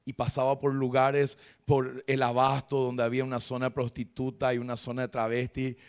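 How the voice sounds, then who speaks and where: A man preaches to his church, telling his story in a voice that sits at an ordinary middle pitch. He tags his sentences with a questioning "right?", then swings between loud exclamations and quiet, confessional passages. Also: completely flat delivery, moderate pace, smooth. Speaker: pastor. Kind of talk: preached sermon with personal story. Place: church service before a congregation.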